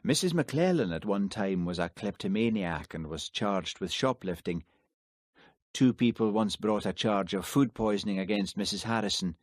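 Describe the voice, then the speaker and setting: A male reader voices a quiet, shrewd country constable who talks in a calm, measured manner. His voice is low, dry and close, and the recording itself is dry.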